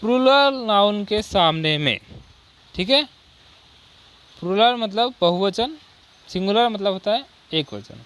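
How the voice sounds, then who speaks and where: High-voiced grammar teacher. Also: male voice, animated, fairly bright tone. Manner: drills with repeated rhetorical questions and "ठीक है"; reads English example sentences slowly. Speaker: coaching teacher. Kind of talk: Hindi grammar lesson on English articles.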